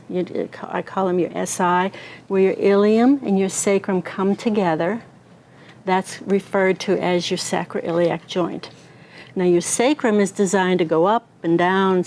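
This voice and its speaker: A woman's voice: mid-range voice, darkish tone, a little hiss or hum. A woman pelvic floor therapist giving a conversational health talk to an audience, explaining an anatomical model and checking in with listeners. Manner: conversational, asks the audience questions.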